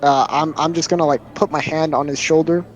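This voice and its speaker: A young man playing a tabletop game, eager and excitable. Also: a little high, a little fast. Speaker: player. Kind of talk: casual tabletop play. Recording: faint music in the background.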